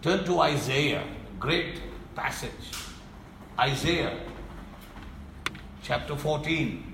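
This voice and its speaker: Stern and emphatic, a male preacher delivers his sermon at a slow, deliberate pace, sinking low to drive points home. His voice is a little high for a man, fairly bright and gravelly, with lively intonation. The recording sounds roomy and echoey, with faint ambience and a little hiss or hum.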